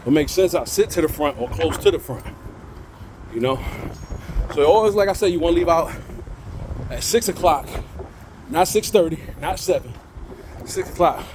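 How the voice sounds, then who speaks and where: A man's voice: a little high, expressive, moderate pace, long pauses, darkish tone, a little hiss or hum. A man talking casually on a walking vlog at a train station, preachy and encouraging, a little out of breath, into a phone he holds. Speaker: vlogger.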